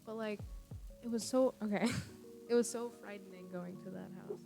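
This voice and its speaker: Speaking at a moderate pace in a steady, gravelly, medium-pitched voice, a young woman chats casually on a livestream from her room at home. She giggles, trails off into tangents and uses lots of fillers as she rambles through stories over background music.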